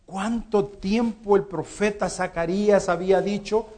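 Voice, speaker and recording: A man preaching a sermon in an earnest tone, asking rhetorical questions and swinging between loud and soft. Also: high voice, steady tone, measured pace.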